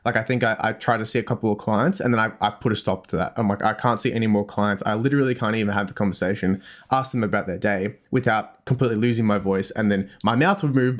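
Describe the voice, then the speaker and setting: A young Australian man with a lowish voice hosts a dietitian podcast about health. He chats loosely, wandering off with self-deprecating asides and restarting his sentences often.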